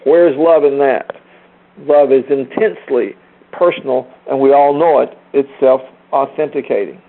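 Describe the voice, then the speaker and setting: Emphatic male preacher with a gravelly creak. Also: medium pitch, fairly even intonation, measured pace, phone-quality sound. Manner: emphatic, rhetorical, repeats phrases for stress; addresses listeners directly with questions and commands. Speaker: speaker teaching a group. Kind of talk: sermon-like spiritual lecture.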